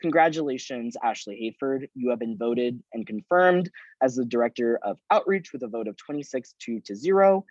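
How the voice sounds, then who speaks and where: A man chairing a formal student meeting over a video call, making measured procedural announcements. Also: medium pitch, expressive, a little mellow, no room sound. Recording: dull lo-fi video call audio.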